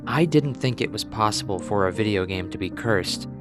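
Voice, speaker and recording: A man delivering scripted video essay narration as a game reviewer, deadpan and mock-grave with dramatic overstatement. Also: on the low side, normal speed. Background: music.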